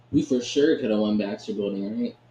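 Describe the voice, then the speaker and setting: A man's voice: on the low side, dark tone. Chatty gaming man in an echoey room. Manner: chatty, keeps asking "right?", laughs often. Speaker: gaming channel host. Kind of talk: casual gameplay commentary. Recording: echoey room with faint ambient noise.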